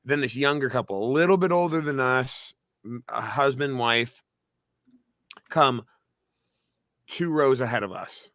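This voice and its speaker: A young man from New Hampshire, a podcast co-host, telling a story in casual chat, animated and swearing. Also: mid-range voice, unhurried, long pauses, no room sound, clean studio sound. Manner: animated, swearing, acts out quotes loudly.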